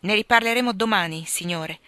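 A woman's voice: medium pitch, fairly quick, bright, forceful tone, no room sound, lightly acted. A woman voicing a stern older aunt who speaks coldly and formally to a suitor. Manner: cold, formal and firm.

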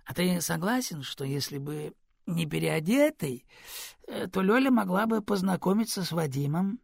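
Fussy storybook raven, high and wheedling, husky and gravelly, put on by a male reader. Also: lively intonation, moderate pace, no echo, clean studio sound, full character voice. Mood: pleading. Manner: high, whiny and pleading. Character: fussy, pleading, book-loving raven. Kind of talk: audiobook character voice.

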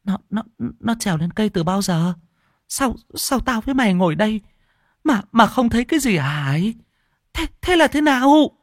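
A man's voice: high-pitched, sing-song, measured pace, husky, dry recording, clean studio sound, voice pushed up, heavily acted. A man voicing a fretful old village woman, stammering as she implores. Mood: panicked.

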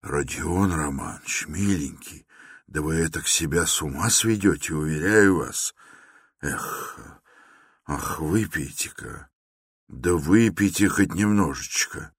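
A man's voice: very deep voice, takes it slowly, slightly rough, dry recording, studio quality, exaggerated voice. A man voicing a fussy, fawning middle-aged police investigator who clucks and keeps adding polite little endings to his words. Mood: coaxing, chatty.

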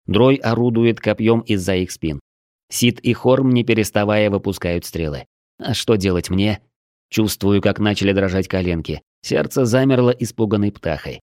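A man reading a first-person adventure audiobook in a measured, steady storytelling manner. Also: on the low side, no room sound, clean studio sound. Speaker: audiobook narrator.

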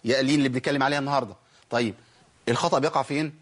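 A man's voice: mid-range voice, steady tone, very fast. A man with an Egyptian Arabic accent teaching a Quran recitation lesson. He drills his students and asks and answers his own questions. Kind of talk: Egyptian colloquial tajweed lesson.

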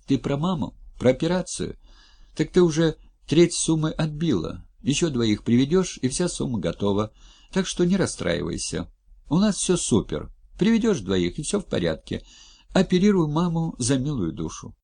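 A man voicing a screeching, insulting swindler who jumps way up in pitch and yells his lines. The voice is raspy and gravelly, and the pitch swings wildly. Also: big pitch swings, moderate pace, full character voice. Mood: coaxing. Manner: shrieking, insulting. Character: rude shrill man, greedy scheme recruiter.

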